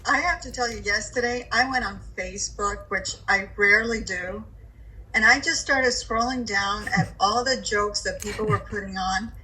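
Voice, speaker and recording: An older woman co-hosting a casual chat, speaking in an emphatic, expressive way. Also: mid-range voice, moderate pace, poor audio. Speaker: co-host.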